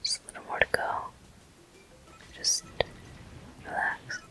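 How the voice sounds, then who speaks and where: A game streamer whispers ASMR game commentary close to the microphone in a breathy voice. The delivery is soothing and unhurried, with soft encouragement.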